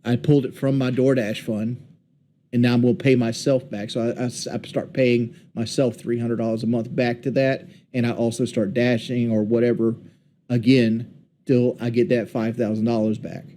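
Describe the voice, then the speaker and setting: A man in his late thirties in a casual voice chat, rambling candidly and haltingly. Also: mid-range voice, flat delivery, mellow, slight background noise. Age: 30s. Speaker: streamer.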